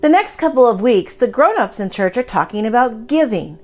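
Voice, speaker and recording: A woman speaks to children like an earnest, upbeat schoolteacher. Her pitch sits high for a woman and swings widely as she explains things in simple, encouraging terms. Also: lively intonation, normal speed. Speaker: children's ministry leader. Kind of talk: children's lesson in a church service.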